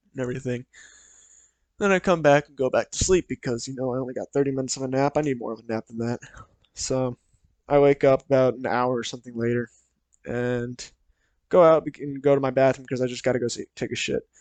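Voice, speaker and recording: Young guy telling a story, lots of "so" and "like", average pitch, dry room. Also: darkish tone, clear, resonant tone, no echo. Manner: rambling, full of "so" and "like". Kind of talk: casual storytime narration.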